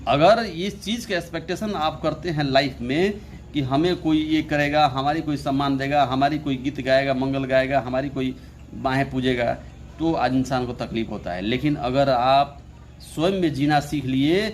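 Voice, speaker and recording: A young man teaching an English poem in Hindi as an Indian English speaker, talking slowly, repeating his phrases and reading the English lines very slowly. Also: mid-range voice, slight background noise. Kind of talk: Hindi poetry lesson explaining a poem.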